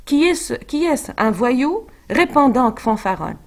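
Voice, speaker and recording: A woman's voice: sits high, very animated, slow, gravelly, heavily acted. A woman teacher reading out the lines of a scolding old nurse, in an accusing, reproachful tone.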